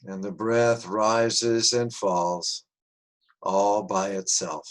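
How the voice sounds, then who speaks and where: A man guiding a meditation, speaking softly and soothingly with long pauses. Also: lowish voice, steady tone. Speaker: meditation guide. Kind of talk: guided meditation.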